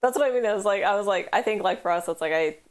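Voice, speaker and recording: In a mid-range voice and at a rapid-fire clip, a young Canadian woman with a West Coast accent chats on a stream. She wanders through her stories, leaning heavily on "like," and uses a headphone microphone.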